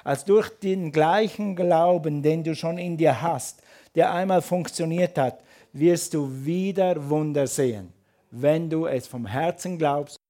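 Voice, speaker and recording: A man preaching to a congregation, his voice sitting on the higher side for a man. He hammers his points through repeated phrases and asks rhetorical questions in an emphatic, rising cadence. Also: measured pace, warm tone. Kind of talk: sermon.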